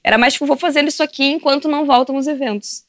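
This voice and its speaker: A woman, an animated guest telling stories on a podcast and laughing often. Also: high-pitched, rapid-fire. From southern Brazil. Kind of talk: casual podcast chat.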